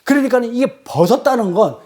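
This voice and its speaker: A woman preacher giving a teaching sermon at a church service. She keeps quizzing the congregation with rhetorical questions and reads scripture and transliterated Hebrew slowly and deliberately. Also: a little high, animated, a little mellow.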